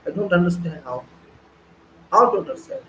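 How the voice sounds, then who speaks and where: A man with a high-set voice lectures on engineering in an online class. He preaches more than he explains, firing off rhetorical questions and repeating key phrases for emphasis. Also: expressive, normal speed, pushed and bright, roomy sound, slight background noise, low-quality recording.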